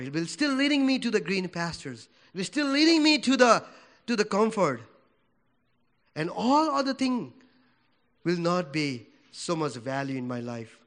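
His voice sits high as this Nepali-accented man from Nepal, not a native English speaker, preaches in church. He shifts from booming declarations to hushed, prayerful moments.

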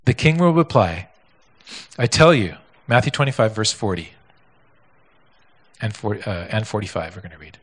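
A male pastor telling a story in a sermon, animated and full of repeats and restarts. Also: fairly low pitch, fairly quick, long pauses. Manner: animated, repetitive, with many restarts.

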